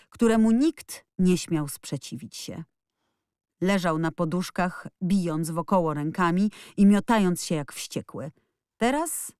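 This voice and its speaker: A woman narrates a storybook with expressive reading. Her voice sits low, and the recording is dry and close with no room sound. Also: no room sound. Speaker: audiobook narrator. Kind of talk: scripted narration.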